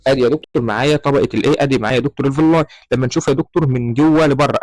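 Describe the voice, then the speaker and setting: Explaining embryology slides to medical students, an Egyptian Arabic-accented lecturer keeps calling his listener "doctor" and mixes in English vocabulary. He speaks at a medium pitch with a slightly mellow tone. The recording is rough but has no echo.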